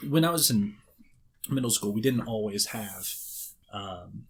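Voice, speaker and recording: A man's voice: on the low side, expressive, unhurried, slight background noise. A man in his thirties, a writer, talking casually in a conversation, rambling and often repeating words as he starts a thought. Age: 30s. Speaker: guest writer.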